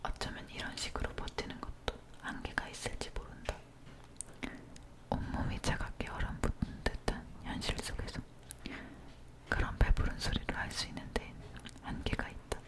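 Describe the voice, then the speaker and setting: Reading a dark tale aloud at a moderate pace, a woman whispers in a soft, breathy ASMR style, close up to the ear mic.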